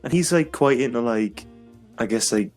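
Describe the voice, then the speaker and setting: A man's voice: mid-range voice, moderate pace, faint music behind. A young man, co-hosting a casual podcast and telling stories that are full of laughter. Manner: laughing, storytelling with loud acted quotes. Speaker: podcast co-host. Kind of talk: casual chat.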